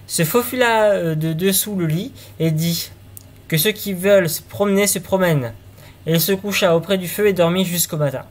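A man reading a fairy tale aloud, now and then stumbling and restarting words. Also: fairly high pitch. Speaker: storyteller.

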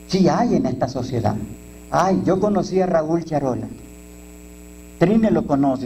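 Male priest, Mexican accent, high-set dark voice, coarse, joking talk to a recovery group, faint hum. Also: poor audio. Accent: Mexican Spanish. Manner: blunt, coarse and joking, lots of slang and rhetorical questions. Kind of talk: informal talk to a twelve-step group.

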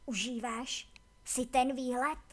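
A woman's voice: sits high, fairly even intonation. A woman voicing a weary, aging male elder who sounds tired and guilty, with a subdued delivery.

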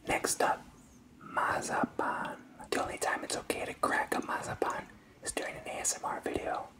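A young man whispering, deadpan, as the host of a comedic ASMR parody. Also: moderate pace. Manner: soft breathy whisper, deadpan. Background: plucked guitar music.

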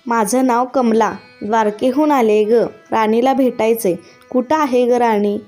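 A woman voicing a poor old woman, a goddess in disguise, who speaks softly and coughs now and then. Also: fairly high pitch, steady tone, measured pace, soft background music, close to an everyday voice. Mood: pleading.

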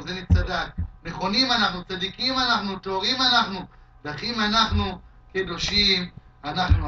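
A rabbi teaches a Talmud class in a study hall, his voice high and cutting as he tells the stories with lively drama. He is picked up from across the room on a dull, lo-fi recording. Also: far from the mic, slight background noise. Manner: animated, acts out quoted shouts and cries. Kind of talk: Talmud lesson with storytelling.

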